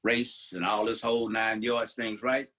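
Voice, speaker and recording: An older man from the US co-hosts a podcast, chatting casually and telling meandering stories with many restarts. He speaks unhurriedly in a lowish, flat voice that sounds pushed and bright, and the audio quality is poor.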